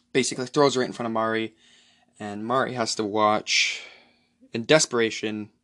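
Male solo podcast host, bright tone, rambling profane movie recap with frequent throat clearing. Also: mid-range voice. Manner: rambling, profane, many fillers.

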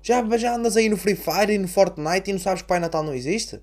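A man's voice: high voice, fast, pitched above the performer's own voice, lightly acted. A man voicing an exasperated young father who bluntly scolds his ten-year-old son. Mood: exasperated scolding. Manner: blunt, mocking, swearing.

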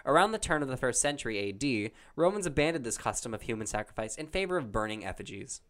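A man casually reading Halloween trivia questions aloud to a friend, halting and restarting, laughing often. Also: medium pitch, sing-song, fairly bright tone. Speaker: quiz reader.

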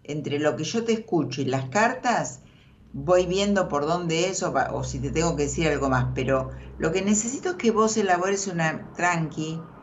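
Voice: mid-range voice, normal speed, slight background noise. Argentine fortune teller with a muffled sound. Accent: Argentine Spanish. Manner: fortune teller reading cards for a caller. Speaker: radio tarot reader and host. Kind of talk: conversational tarot consultation.

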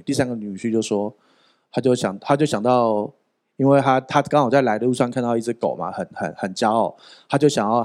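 A male pastor preaching a sermon in an animated, joking way, often asking the listeners rhetorical questions. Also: mid-range voice.

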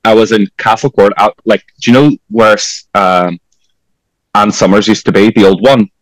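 A man from Portugal with a Portuguese accent, guesting on a podcast and chatting casually, animated and quick to jump into high exclamations. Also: no room sound, rough recording. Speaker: podcast guest, drag performer. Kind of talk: casual chat.

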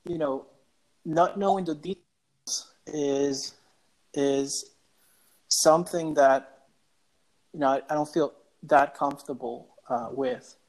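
Hesitant young man, slightly high voice. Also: slow, pauses often, rough recording. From El Salvador. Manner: hesitant, many uh fillers and repeated words. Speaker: guest cardiologist. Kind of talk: casual interview answers.

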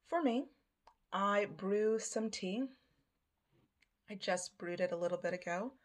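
A woman hosting a podcast, speaking in a reflective, deliberate monologue with pauses. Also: medium pitch. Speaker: podcast host.

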